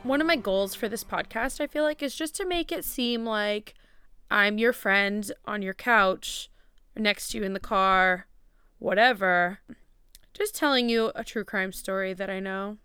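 A young woman in her twenties hosts a casual true crime podcast. Her voice is clear and smooth at a middling pitch, and she talks informally with slangy asides. The sound is close and very dry, recorded in a small closet. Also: measured pace, bright, forceful tone, no room sound. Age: 20s. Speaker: podcast host.

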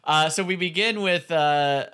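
A man co-hosting a podcast, recapping a show casually in halting phrases full of "like". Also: a little high, sharp tone, clean tone. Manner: halting, filler-heavy phrasing with many "like"s. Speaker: podcast co-host.

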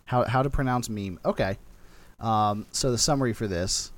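A man's voice: fairly low pitch, moderate pace. A man hosting a casual chat, reading an article aloud and joking along with his friends. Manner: reads aloud with playful asides.

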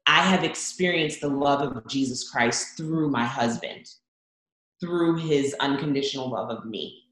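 A woman's voice: a bass voice, measured pace, fairly bright tone. A woman born in Zambia, a guest giving an earnest, open faith testimony with frequent restarts. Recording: roomy echo.

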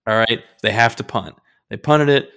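A man in casual sports chat on a podcast, telling a game story with lively swearing and acting out his own reactions. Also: mid-range voice, normal speed, smooth. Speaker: podcast co-host, football fan.

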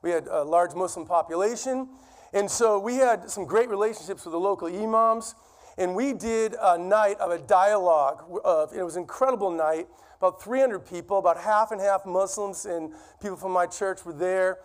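A man with a Boston accent delivers a sermon from a church pulpit, his voice pitched high for a man. He talks in a loose, conversational way and likes to poke fun at himself. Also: normal speed. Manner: conversational, self-deprecating. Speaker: guest preacher. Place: church sanctuary.

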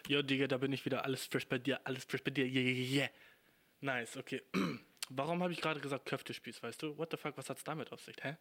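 A man's voice: medium pitch, steady tone, fast, a bit bright. A young man in his twenties from Germany, hosting a podcast alone, talking in a rambling casual monologue full of profanity and slang. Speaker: podcast host.

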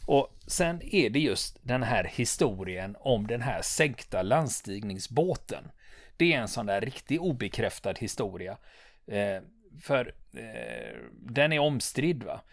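A man hosting a history podcast, retelling a battle in a calm storytelling manner with many fillers and "va?" tags. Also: lowish voice, creaky. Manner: calm storytelling, rising to excited when narrating combat. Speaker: podcast host.

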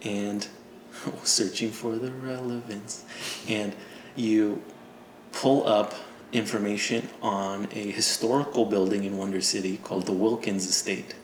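Low-voiced man running a tabletop game. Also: steady tone, unhurried. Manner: casual, laughing, loose and joking. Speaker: game master. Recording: echoey room with faint ambient noise.

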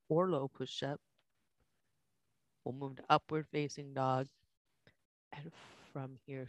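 A yoga instructor slowly coaching breath and movement through a guided class in short, spaced phrases. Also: medium pitch, no room sound.

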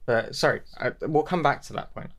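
A man's voice: mid-range voice, fairly quick, vocal fry, fairly bright tone. Rambling young man co-hosting a podcast. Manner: rambling, many restarts and fillers. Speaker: podcast co-host. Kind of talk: casual chat.

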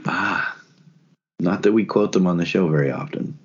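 A man co-hosting a casual hockey podcast, talking in an exasperated, halting way with many restarts. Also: deep voice, a little hiss or hum. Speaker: podcast co-host. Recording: dull lo-fi audio.

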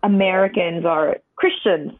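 An unhurried painter guest with a mid-range voice and fairly even intonation speaks on a conversational podcast interview. Tinny, dry phone-line audio with no room sound captures this Cantonese-speaking Hong Kong native in their twenties. They ramble reflectively, hedging as they go.

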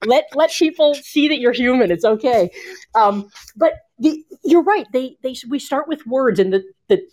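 A woman explaining communication skills in a conversational interview, animated and expressive, speeding up and slowing down for emphasis, speaking from home. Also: high voice. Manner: animated, expressive, shifting pace. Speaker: communication coach.

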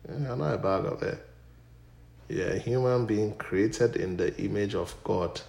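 A man's voice: on the low side, measured pace, vocal fry, a little mellow. A man preaching and teaching a group, emphatically repeating short phrases. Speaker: preacher leading a Bible study. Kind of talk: interactive sermon, teaching. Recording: echoey room.

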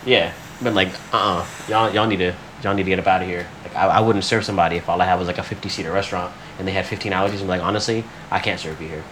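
A man's voice: deep voice, fairly even intonation, racing, hardly any pauses, fairly bright tone, a little hiss or hum, low-quality recording. A man co-hosting a podcast in casual chat, easygoing, with a drawl and plenty of "yep" and "mm-hmm.". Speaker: podcast co-host.

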